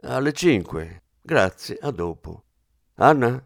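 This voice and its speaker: A man's voice: mid-range voice, very animated, takes it slowly, vocal fry, no echo, pitched above the performer's own voice, full character voice. A man reading an audiobook, playing a middle-aged police commissioner who talks in a dry, ironic way. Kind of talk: audiobook character voice.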